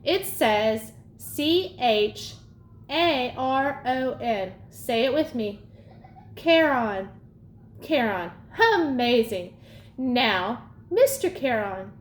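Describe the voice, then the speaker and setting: A woman voicing a smooth, sly older male ferryman of the dead with a British accent, sweet and cold. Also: a little high, lively intonation, drawn-out words, a little hiss or hum. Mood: smooth, mocking. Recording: echoey room, faint ambience.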